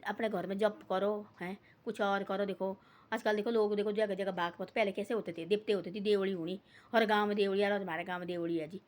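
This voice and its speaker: A woman's voice: medium pitch, fairly even intonation, brisk. An older woman tells village stories in a meandering, repetitive way, dropping scolding asides. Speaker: storyteller. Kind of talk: rambling village storytelling.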